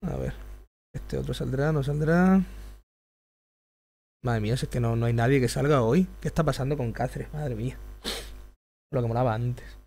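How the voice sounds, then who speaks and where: A man from Spain with a Spanish accent, a tired streamer chatting casually, animated and swearing freely. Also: mid-range voice, moderate pace, creaky, long pauses. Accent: Spain, Castilian Spanish. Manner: animated, swears freely, mocks others by imitating them. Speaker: streamer drawing and answering chat. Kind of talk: casual chat.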